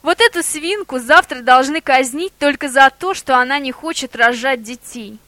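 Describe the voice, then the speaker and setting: A woman voicing a sly, bold male boar who talks in a lively, persuasive, theatrical way. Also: high-pitched, normal speed, no echo. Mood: urgent.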